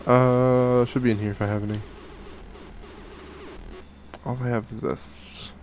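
Faint music sits behind a young gaming channel host who's catching a cold, speaking at a measured pace in a mid-range, slightly mellow voice with flat delivery. He rambles through casual Minecraft let's play commentary from his home gaming room, full of fillers and restarts. He's recorded with a headset and desk studio mic.

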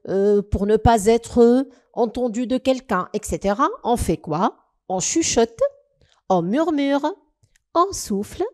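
A woman teacher with a Tunisian accent giving a recorded French grammar lesson, listing words one by one. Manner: slow, listing words one by one with lively pitch.

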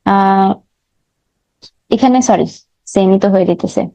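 A woman's voice: mid-range voice, a little slow, gravelly, warm tone, no room sound. A young woman teaching an online recap lecture, walking through steps on a board and often correcting herself mid-sentence. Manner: talks through steps on a board, frequent self-corrections and fillers. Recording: slightly dull dry mic recording.

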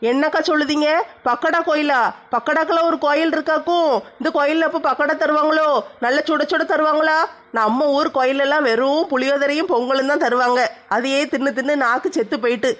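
Skit comic, woman, greedy naive joker, high and bright. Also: fairly even intonation, fairly quick. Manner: food-obsessed, naive joker. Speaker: comedy skit performer.

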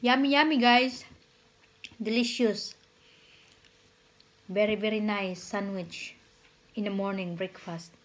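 Slow-talking woman speaking while chewing. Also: medium pitch, steady tone. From Philippines. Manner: gushing, repeats words. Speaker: vlogger. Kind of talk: casual vlog chat.

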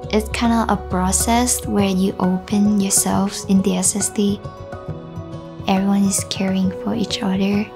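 A graduating student in her late teens, a young woman from Vietnam with a Vietnamese accent, telling her story sincerely in an even tone. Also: mid-range voice, measured pace, gravelly. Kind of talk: personal testimony. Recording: voice over music.

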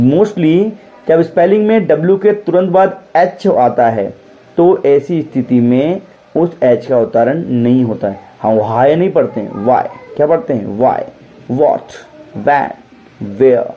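A man's voice: medium pitch, dull audio. A man with an Indian accent teaching an English pronunciation lesson, spelling out words and asking questions that he answers himself. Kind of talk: classroom-style lesson on pronunciation.

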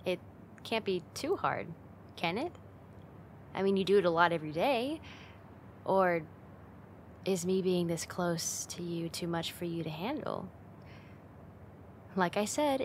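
An actress voices a teasing young female roommate in an ASMR roleplay, her mid-pitched voice unhurried, playful and affectionate, and close to an everyday tone. She teases, giggles and coaxes slowly in an intimate way, recorded close to the mic with some background noise.

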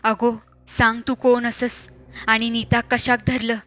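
A woman voicing a calm older village woman who performs rituals, coaxing and soothing, with a Malvani accent. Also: on the high side, slow.

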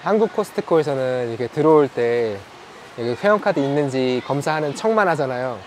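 A man's voice: medium pitch, expressive, very fast, noisy background. A young man chatting casually in a vlog, matter-of-fact and playful. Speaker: vlogger.

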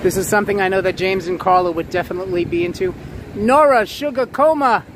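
A man with a Queens accent and a fairly high voice chats casually to livestream viewers, often repeating himself. He is outdoors on a city sidewalk, with clear traffic noise behind him. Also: fast. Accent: Queens New York. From Queens, New York City. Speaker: livestream host. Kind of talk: casual walking livestream chat. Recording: noisy city street with traffic. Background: street ambience and passing cars.

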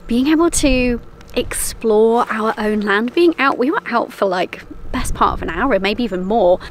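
A woman's voice: fairly high pitch, lively intonation, measured pace, a little hiss or hum, low-quality recording. A woman in her thirties, from the UK, chatting cheerfully to a handheld camera outdoors in open countryside and laughing often. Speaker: vlogger. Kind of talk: casual chat to camera. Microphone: handheld camera close to face.

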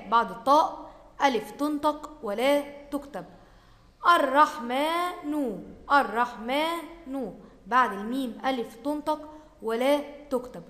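High-pitched Egyptian teacher in an echoey room. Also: female voice. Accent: Egyptian Arabic. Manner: slow, stretched repetition of words for pupils, then quick asides. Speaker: primary school teacher. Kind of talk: recorded Arabic grammar lesson. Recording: echoey room with long reverb.

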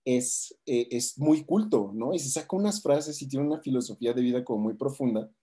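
A man's voice: mid-range voice, a little fast, dark tone. A man with a Mexican accent, a coach casually retelling a book, rambling and tagging his sentences with questions. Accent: Mexican Spanish. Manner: rambling, tags lines with "¿no?".

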